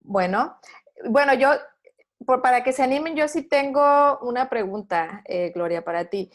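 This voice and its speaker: A woman's voice: high-pitched, expressive, moderate pace. A woman with a Mexican Spanish accent moderating an online women's meeting, asking questions with hesitant fillers. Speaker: host of women's talk.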